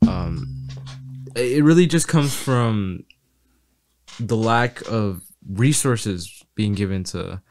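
A man's voice: medium pitch, slow, vocal fry, pauses often, a little mellow, soft background music. A young man co-hosting a casual film review podcast. He talks thoughtfully and hesitantly, with many small fillers. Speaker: podcast co-host.

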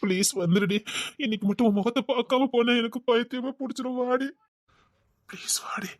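A woman's voice: a little high, fast, background noise, lightly acted. A woman voicing a restless, lovesick young village man who murmurs longingly to himself.

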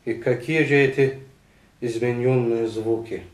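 A man slowly narrating a lesson on word sounds, spelling out each sound one by one in a measured, deliberate way. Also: mid-range voice, fairly even intonation. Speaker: lecturer on word origins. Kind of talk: slow explanatory narration.

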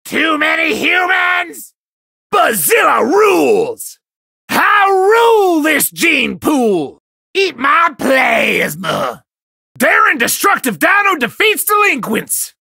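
An actor voicing a small rampaging Godzilla-like monster for a video game, bombastic and destructive, shouting short catchphrases in a gravelly screech. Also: high voice, big pitch swings, takes it slowly, no echo, clean studio sound, heavily acted. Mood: gleefully destructive.

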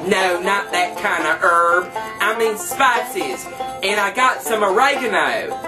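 In a small home kitchen, a man in character as a campy, thrifty trailer park queen gives a home cooking demo that's folksy and tongue-in-cheek. He speaks slowly in a high-pitched voice with lively intonation, cheerful as he instructs. Music plays behind the distant camera mic recording.

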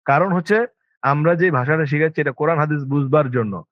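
A man with a Bangladeshi Bengali accent lectures students in an emphatic, insistent way and keeps asking them rhetorical questions. His voice sits fairly high for a man. The sound is dry and dull, like a lo-fi recording. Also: fairly quick, no room sound. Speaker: Arabic language teacher.

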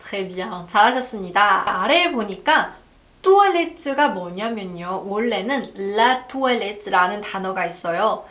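Slow, lively-voiced woman teaching French. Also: mid-range voice. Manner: slow, clear drills for learners to repeat. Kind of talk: language lesson.

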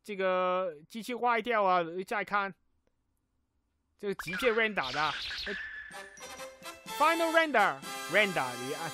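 A man with a Cantonese accent in his Mandarin, narrating a casual software tutorial and dropping in English terms. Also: high voice. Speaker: tutorial host. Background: music behind the voice.

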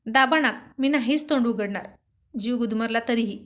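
A woman's voice: a little high, normal speed, a bit bright, natural voice. A woman voicing a stubborn, pouting young wife who sulks and demands attention in a storybook reading.

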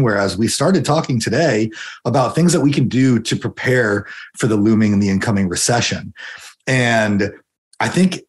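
A young man co-hosting a podcast, opening the show and talking enthusiastically, often repeating words as he goes, on a headset. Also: lowish voice. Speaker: podcast co-host. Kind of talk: podcast intro and interview.

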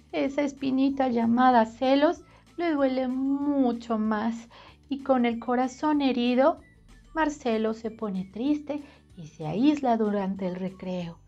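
A woman reading a storybook to children in an animated, sing-song way, speaking straight to the child. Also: fairly high pitch, slow, dull audio, faint music behind.

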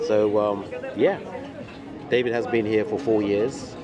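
Sitting at an outdoor restaurant table by a stone wall, a middle-aged man who sells cigars hosts a casual on-camera lunch chat, leaning on repeated phrases for emphasis. He speaks a little slowly in a fairly low, fairly even voice; the recording is muffled, with music in the background.

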